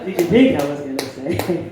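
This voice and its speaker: A woman's voice: sits low, expressive, moderate pace, noisy background. A woman in her forties doing a stand-up comedy set, brash and conversational, teasing the crowd from a club stage. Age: 40s. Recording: roomy club with crowd laughter. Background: audience laughing.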